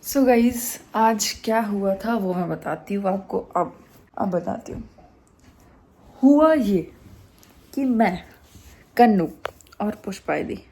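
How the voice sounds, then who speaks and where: Young female vlogger with a high voice, chatty and animated, retelling an event. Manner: animated retelling, acting out what others said. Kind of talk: casual storytelling to camera.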